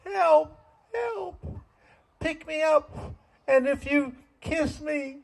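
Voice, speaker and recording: An older man voicing a tiny talking frog that begs to be picked up and kissed, in a high pleading squeak. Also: extremely slow, creaky, exaggerated voice. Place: stage at a community talent show.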